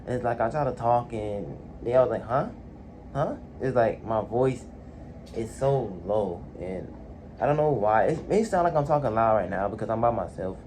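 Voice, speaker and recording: Speaking to camera by himself in his bedroom, a teenage vlogger sounds animated at a moderate pace, his medium-pitched voice somewhat dark in tone. He's casual but hesitant, with plenty of fillers and restarts, and there's slight background noise.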